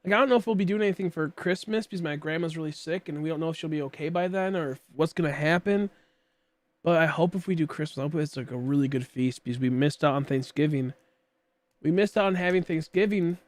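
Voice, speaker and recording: While streaming a game, a guy in his late twenties rambles casually to his viewers and a friend, poking fun at himself along the way. His voice is a little high and he talks fast.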